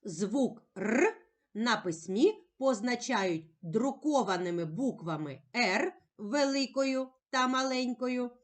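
Slow, sing-song woman teacher. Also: on the high side, expressive. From Ukraine. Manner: slow, clear, sing-song speech that stretches sounds. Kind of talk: scripted lesson narration for young children.

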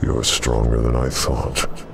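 A super deep slow evil demon dark lord, smug menacing taunts, video game villain, noisy rumble behind. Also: male voice, level tone, vocal fry, exaggerated voice. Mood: smug, taunting. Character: sinister, mocking male demon lord, arrogant and ancient. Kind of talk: fantasy video game voice acting.

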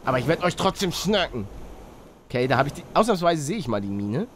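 A young man doing excitable Let's Play commentary, yelping at failures and mixing in English slang. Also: fairly high pitch, fast, slight background noise. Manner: excitable, shouts and yelps at failures; mixes English slang into his talk. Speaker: gaming YouTuber.

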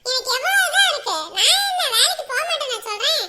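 A man's voice: extremely high pitch, sing-song, quick pace, heavy background noise. An actor playing a young jobless village man who complains sulkily about his mother. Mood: sulking. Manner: sulky, complaining. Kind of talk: Tamil web drama acting.

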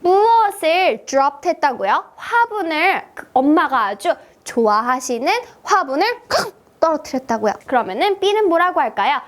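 A woman's voice: high-pitched, sing-song, measured pace. A woman teaching English to children in a playful, sing-song way, with exaggerated gasps and cheerful prompts. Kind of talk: children's language lesson.

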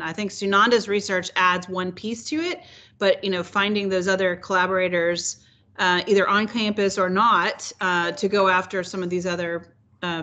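A woman's voice: on the low side, fairly bright tone. Encouraging middle-aged woman moderating. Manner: encouraging, conversational. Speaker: host, moderator. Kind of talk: moderating a video call. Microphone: video call.

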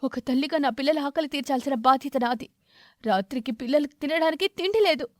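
A worried mother sparrow in a cartoon story, pleading earnestly in a fairly high voice, as a woman narrator plays her. The sound is dry and close. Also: moderate pace, a little mellow, dry recording, lightly acted.

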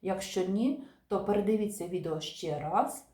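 A woman teacher calmly explaining spelling rules to viewers, stressing each example word. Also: mid-range voice, normal speed. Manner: calm, methodical, stresses example words. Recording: echoey room.

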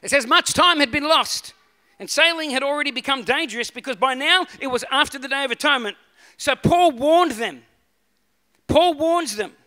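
A man preaching a sermon, reading scripture and telling a lively personal story. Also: very high-pitched, normal speed. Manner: storytelling, animated asides. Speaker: pastor.

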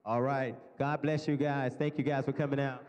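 A man's voice: medium pitch, little pitch movement, normal speed, darkish tone, muffled recording. A man with a Mississippi accent hosting a live awards event, exhorting people and repeating his phrases. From Mississippi, United States. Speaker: host presenting awards. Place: large banquet hall with stage, indoors. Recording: echoey hall over PA system.

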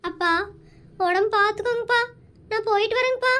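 Very high, bright woman. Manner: weepy, drawn-out farewells. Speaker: comedy sketch performer. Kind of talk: comedy sketch acting.

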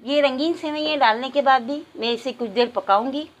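High-voiced woman giving calm recipe steps. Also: normal speed. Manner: calm, instructive, addresses viewers directly. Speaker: cooking channel host. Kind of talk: step-by-step recipe voice-over.

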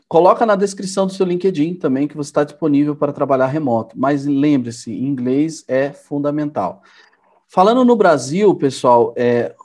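Brazilian guy hosting a coding livestream, kinda high voice, just chatting and telling stories. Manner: chatty storytelling with lively asides. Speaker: host of a programming live show. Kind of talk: casual live-stream talk.

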